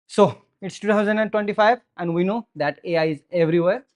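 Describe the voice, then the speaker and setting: A man's voice: sits high, brisk. A man from Nepal in his thirties with a Nepali accent, giving a meetup tech presentation into a handheld mic, earnest and explanatory with many "so" and "uh" fillers. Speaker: software engineer giving a meetup talk. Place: meetup room with audience, indoors. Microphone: handheld microphone.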